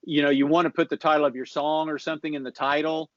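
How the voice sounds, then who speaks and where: A man's voice: fairly high pitch, quick pace, no room sound. Man as podcast marketing guest, easygoing explanations, dry lo-fi recording. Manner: relaxed, explanatory, restarts often. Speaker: social media marketing guest. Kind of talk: casual advice chat. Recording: dull lo-fi audio.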